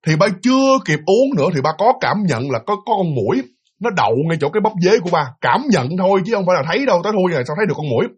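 A man telling a ghost story in a casual, animated way, repeating himself as he talks. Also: high voice, rapid-fire, husky. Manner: animated, repetitive, conversational.

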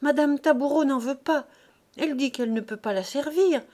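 Woman reader putting on a shrill young servant girl, high and quavering, near tears, loud and pushy in pitch, from a storybook reading. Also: moderate pace, lightly acted. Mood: tearful. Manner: high, strained, close to tears. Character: tearful timid young maid, shrill and whiny.

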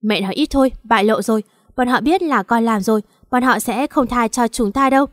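A woman's voice: fairly high pitch, a little fast, no echo, studio quality, close to an everyday voice. A woman voicing a bitter, ruthless young woman. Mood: tense. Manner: harsh, defiant.

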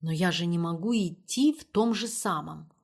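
A woman's voice: on the low side, moderate pace, gravelly, darkish tone, slightly rough. A woman reading the part of an impatient, sardonic young woman in an audiobook. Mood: flustered. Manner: sardonic, irritable.

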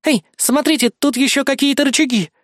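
A squeaky, gushing girl who bounces between giddy excitement and sheepish guilt, as the reader takes her on. Her voice sits far above the narrator's and is heard dry and close, with no room around it. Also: a little fast, dry recording, lightly acted. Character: excitable clumsy young woman, childish and giggly.

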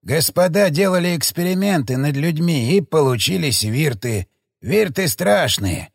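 A man voicing a frightened, very old male elder who talks in hushed, halting phrases in an audiobook. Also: on the high side, expressive, vocal fry, no room sound, clean studio sound, heavily acted. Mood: somber recounting. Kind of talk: audiobook character voice.

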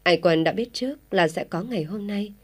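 A woman reading a story aloud as an audiobook narrator, in a steady storytelling manner. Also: mid-range voice, a little fast, slightly rough.

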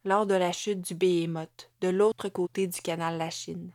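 Woman, audiobook narration, slow measured delivery, dry studio sound. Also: fairly low pitch, steady tone, darkish tone, no room sound. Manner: measured, deliberate reading. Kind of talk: scripted narration.

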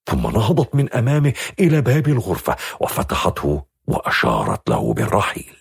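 A man narrating a story, reading it aloud with lively, expressive delivery. His voice is very husky and breathy, and his pitch moves a lot. The recording is dry and close. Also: a little fast, dry recording. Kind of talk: scripted narration.

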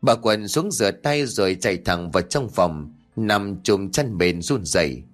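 A man tells a horror audiobook story. His voice sits low but moves lively through the lines, with faint music underneath. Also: unhurried. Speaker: narrator.

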